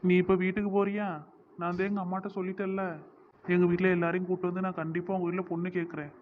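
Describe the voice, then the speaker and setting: An earnest, apologetic young village son in a cartoon, voiced by a woman. He speaks southern Tamil village dialect at a middle pitch. A dull, slightly hissy sound sits on the voice. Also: flat delivery, fast talker, close to an everyday voice.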